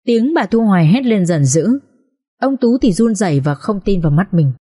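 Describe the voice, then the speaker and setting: A woman's voice: medium pitch, moderate pace, husky. Woman narrating an emotional drama. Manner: expressive, emotional reading. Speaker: audiobook narrator.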